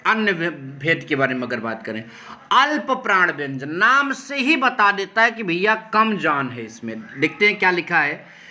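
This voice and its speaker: A man teaching Hindi grammar, explaining step by step, often checking in with the class and slowing down to sound out individual letters. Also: sits high, pushed and bright. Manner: repetitive, checks in with "ठीक है" often. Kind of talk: explaining a lesson over slides.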